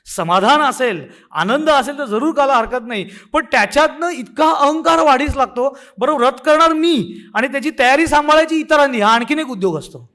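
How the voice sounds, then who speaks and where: A man's voice: very high voice, animated, moderate pace, sharp tone. A man, a spiritual teacher, giving a devotional discourse that mixes humorous parables with quoted saint verses and occasional laughs.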